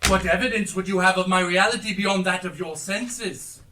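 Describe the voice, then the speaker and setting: A man on stage playing the tormented, mournful and stern ghost of a dead businessman, declaiming theatrically. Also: sits high. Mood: grave, probing. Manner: slow, declamatory, breaking into anguished shouts and wails. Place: theatre stage, recorded live. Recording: distant live stage play recording.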